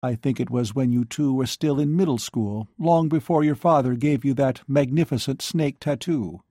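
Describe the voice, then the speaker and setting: A man's voice: medium pitch, normal speed, dark tone, no room sound, studio quality, close to an everyday voice. Man doing a wheedling, weary middle-aged professor. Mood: probing. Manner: ingratiating, wheedling.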